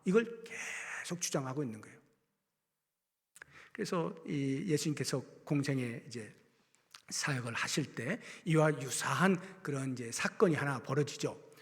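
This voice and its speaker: A pastor delivers a sermon in a church sanctuary, his voice sitting high for a man. He presses some phrases out loudly and drops others to a near whisper. Long reverb from the hall hangs after his words. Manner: preaching with big swings from loud emphasis to hushed near-whispers.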